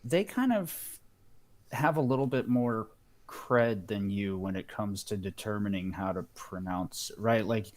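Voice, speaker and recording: A man with a fairly low voice talks loosely over a card game. He rambles informally and swears freely as he goes. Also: a little slow.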